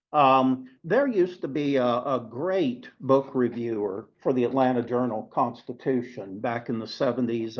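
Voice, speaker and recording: A man in his seventies teaching a class, often pausing and filling gaps with "uh" and "um". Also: mid-range voice. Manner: halting, many filler sounds. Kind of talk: lecture to a class. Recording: dull lo-fi recording.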